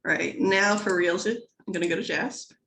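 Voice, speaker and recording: A woman's voice: fairly low pitch, normal speed, a bit bright, echoey room, a little hiss or hum. A woman teaching statistics in a casual recorded lecture, chatty and playful, interrupting herself and adding little sound effects. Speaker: statistics instructor.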